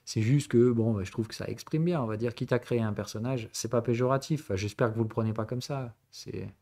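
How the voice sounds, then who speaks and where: Speaking fairly quickly in a medium-pitched, dark voice, a southern French trading instructor leads a live-streamed lesson and takes questions from chat. His casual tutoring mixes formal with familiar address, punctuated by frequent "okay?" and "right?" check-ins.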